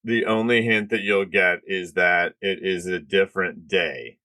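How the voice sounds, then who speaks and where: Man, podcast host, lowish pitch, casual conversational delivery, very dry recording. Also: measured pace, bright, forceful tone, no echo.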